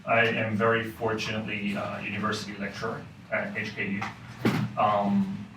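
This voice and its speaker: A university lecturer from Hong Kong, appearing as a guest on a podcast, talks thoughtfully in a casual conversation, using many "um" and "you know" fillers. His lowish voice is completely flat, at a moderate pace. The recording is roomy, with a distant mic and faint noise.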